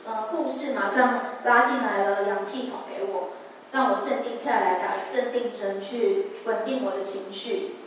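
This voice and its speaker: A young woman with a Taiwanese Mandarin accent shares her testimony in a church service, speaking earnestly and halting now and then to restart a thought. Her fairly high voice carries through a large, strongly echoing sanctuary with a long reverb tail. She sounds set back from the microphone, with a faint hum of room noise behind her. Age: young adult. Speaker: church member giving testimony. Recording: echoey hall, voice from a distance.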